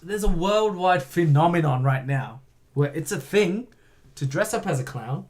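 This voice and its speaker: An animated man carries a story for his co-hosts in a loose group chat. His voice is pitched a touch high for a man. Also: normal speed. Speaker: co-host.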